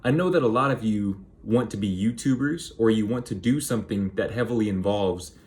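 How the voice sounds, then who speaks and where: His voice is fairly low and naturally monotone: a man in his twenties making YouTube videos of motivational advice aimed right at the camera, slowing his delivery to stress important words.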